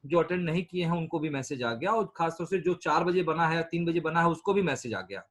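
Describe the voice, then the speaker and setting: A man's voice: fairly high pitch, expressive, fairly quick, fairly bright tone. A man leading an online staff training meeting, explaining patiently and repeating points for everyone. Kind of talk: instructing over a call.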